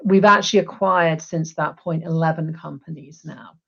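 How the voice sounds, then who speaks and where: Her low, gravelly voice has a sharp tone and fairly even intonation, moving at normal speed through dull audio. She is a middle-aged woman from England and an HR executive, chatting upbeat with lots of ums as a guest in a casual video-call interview from a room at home.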